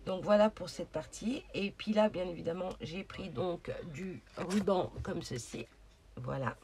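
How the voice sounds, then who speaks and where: A woman's voice: fairly low pitch, a little slow, crowd noise. A woman hosting a casual crafting tutorial, chatty and hesitant, with many fillers as she talks through her project. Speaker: craft channel host.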